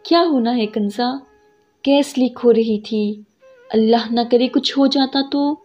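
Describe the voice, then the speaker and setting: Woman reader doing an angry storybook husband, loud and fast-scolding, slightly high voice, muffled with soft music behind. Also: steady tone, close to an everyday voice. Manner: shouting, scolding, sarcastic. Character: angry young husband, quick-tempered but caring.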